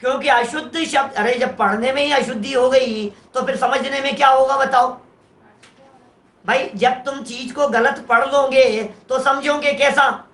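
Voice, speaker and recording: A man's voice: very high-pitched, steady tone, unhurried, fairly bright tone, echoey room. A man, a preacher giving a sermon who explains a verse phrase by phrase and asks the listeners rhetorical questions. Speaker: Jain preacher.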